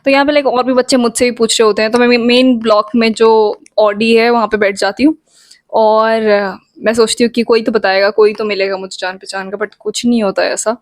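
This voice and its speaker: A woman's voice: fairly high pitch, little pitch movement, a little fast, no echo. A young woman vlogger in a chatty, playful storytime, talking straight to her viewers. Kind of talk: casual storytime.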